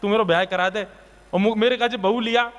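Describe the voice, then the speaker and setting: A man's voice: high-pitched, steady tone, brisk, a bit bright, long reverb tail, pitched above the performer's own voice. A man voicing a stubborn little boy god in speech. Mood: pleading. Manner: insistent whining pleas. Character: child god Krishna, small boy, stubborn and eager.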